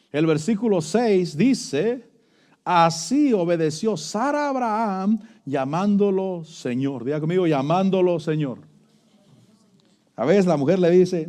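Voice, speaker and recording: A middle-aged male pastor, preaching a sermon in an animated way, swinging from high emphatic lines down to low murmurs.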